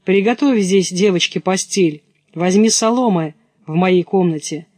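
A man reading the part of a gruff robber chieftainess who gives commands. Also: high-pitched, unhurried, a little mellow, no room sound, clean studio sound. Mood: commanding.

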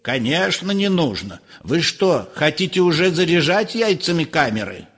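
A man's voice: a little high, very animated, normal speed, a bit bright, breathy edge, voice pushed up, heavily acted. A man voicing an irritable, scornful older professor who snaps in exasperation in an audiobook. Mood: condescending. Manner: snapping, exasperated.

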